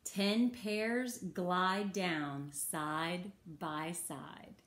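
Slow woman reading a picture book. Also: on the low side, steady tone, a bit bright. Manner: slow, rhythmic sing-song reading. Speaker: children's story reader. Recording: roomy echo.

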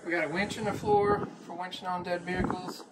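A man's voice: high voice, little pitch movement, a little fast. Matter-of-fact man outdoors in wind. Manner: matter-of-fact, lists features in short bursts. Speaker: trailer owner showing his rig. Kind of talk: casual walkaround tour. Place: outdoors in windy open field beside trailer. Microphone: handheld phone held by companion. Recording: wind noise on phone mic.

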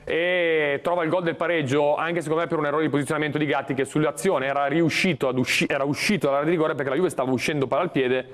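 Breathless, fast, high-pitched man calling football. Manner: excitable, breathless, shouting at goals and chances. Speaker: football match commentator. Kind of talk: live Italian TV football commentary. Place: TV studio. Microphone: lapel mic.

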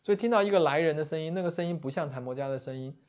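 Higher-voiced man telling a story. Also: rapid-fire. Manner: ends phrases with soft tags like "zheyang" and "ha". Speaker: Buddhist monastic teacher. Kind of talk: storytelling Buddhist lecture.

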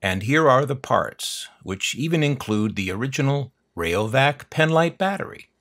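This older American man, host of a collector's unboxing channel, narrates an unboxing video in a medium-pitched, fairly bright voice. He's animated and keeps a normal pace, mixing wry, dry humor with nostalgic asides.

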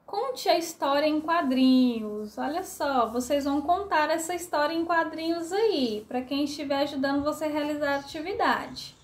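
A woman's voice: sits high, normal speed, few pauses. A woman teaching a remote literacy lesson to first graders in Brazilian Portuguese, patiently drawing out syllables for young children.

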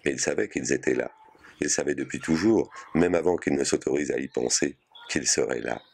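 Brief: male narrator, extremely low voice, measured audiobook reading. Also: creaky, darkish tone, slight background noise. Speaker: reader. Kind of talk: audiobook reading of a short story.

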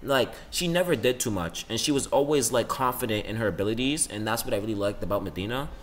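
A teenage boy in a casual, rambling monologue about his classmates, saying "like" constantly and swinging his pitch up and down. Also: fast talker, a little hiss or hum. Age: teens. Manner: rambling, says "like" a lot, lively swings in pitch. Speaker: student vlogger.

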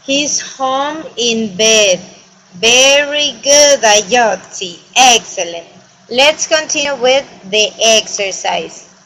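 Bright-voiced woman teaching English slowly. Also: a little high, animated, slight background noise, rough recording. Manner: switches between Spanish and English, repeats phrases slowly for students to copy. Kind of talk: bilingual classroom lesson.

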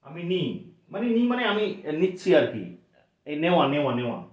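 A man's voice: on the high side, sing-song, quick pace. Man teaching grammar in an echoey room. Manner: patient, asks and answers his own questions. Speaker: English teacher. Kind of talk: classroom grammar lesson. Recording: echoey room, voice from a distance, dull sound.

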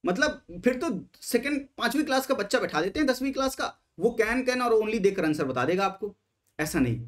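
A man's voice: high voice, lively intonation, moderate pace. A man teaching exam strategy, speaking emphatically, asking rhetorical questions and mixing English terms into his Hindi.

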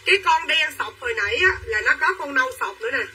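A young woman hawks clothes to her livestream viewers. Her voice is high and very bright, and she keeps urging buyers to claim pieces. She sounds set back from the microphone, with faint background noise. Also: expressive, far from the mic, poor audio. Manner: quick and pushy, urging buyers to claim items. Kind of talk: live-selling chatter to viewers.

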